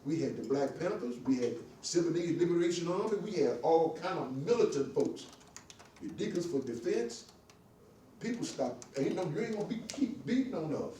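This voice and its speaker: Older guy preaching hard in a church class, kinda high voice but dark sounding, echoey room, mic far off. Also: moderate pace. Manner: fiery, preaching, gets excited. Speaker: church class participant and veteran. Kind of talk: impassioned discussion. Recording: echoey room from afar, faint hiss.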